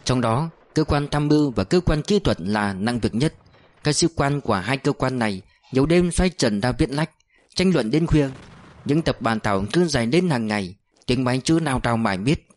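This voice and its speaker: A man narrating an audiobook in a steady, measured storytelling voice. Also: mid-range voice.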